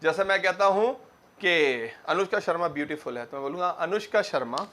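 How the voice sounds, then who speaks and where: A young man teaching grammar to a class, asking questions and answering them himself, and repeating words slowly to drill them. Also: fairly high pitch, animated, a bit bright, slight background noise. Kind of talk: classroom lecture.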